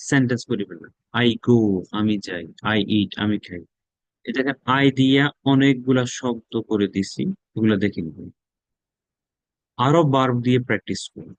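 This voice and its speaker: A man's voice: medium pitch, normal speed, dry recording, highs cut off. A man with a Bangladeshi accent teaching a spoken English class. He drills words aloud and repeats them. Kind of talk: classroom lesson.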